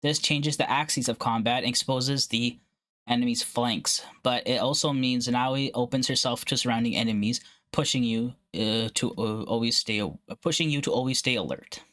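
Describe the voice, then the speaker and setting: A man's voice: medium pitch, a bit bright. A male gaming channel host who reads a combat guide aloud and reacts to it, often stumbling with uhs and correcting himself mid-word. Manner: halting reading with frequent uhs and self-corrections. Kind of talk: reading an article aloud and reacting.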